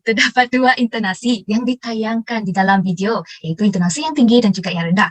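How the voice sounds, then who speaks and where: Woman teacher, brisk and formal, dry sound, praises the class. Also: medium pitch, no room sound. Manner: formal, encouraging, praises students.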